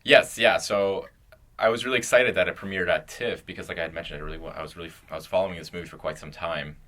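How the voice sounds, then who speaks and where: A young man from Canada co-hosting a podcast in casual chat, halting with frequent "um"s. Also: low voice, fairly even intonation, pushed and bright. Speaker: podcast co-host.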